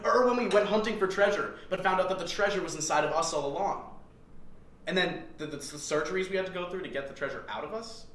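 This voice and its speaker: A man in a comedy sketch playing a clueless coworker who rambles deadpan. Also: high voice, quick pace. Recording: echoey room, distant mic, noisy.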